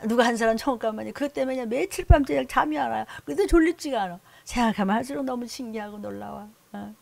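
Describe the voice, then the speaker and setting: Woman, pastor, sermon, gravelly, fairly high voice, emphatic. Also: fast, darkish tone, no echo. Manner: emphatic, mimics scolding and inner voices.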